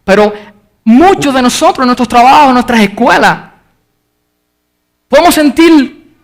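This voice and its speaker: A man preaching an earnest sermon as pastor, reading scripture aloud and shouting out the crowd's cries when he retells them. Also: very high voice, expressive, brisk, gravelly.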